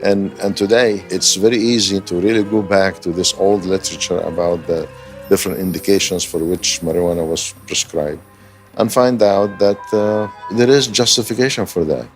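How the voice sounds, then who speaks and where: A man with a very deep voice explains his research as a professor, leaning on repeated phrases for emphasis. Quiet music sits under the interview. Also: normal speed. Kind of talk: documentary interview.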